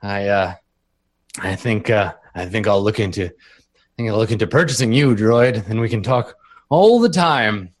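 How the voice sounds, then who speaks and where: A man's voice: fairly low pitch, close to an everyday voice. A man voicing a smug, rich whale-like alien minister. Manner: slow, drawling and self-satisfied.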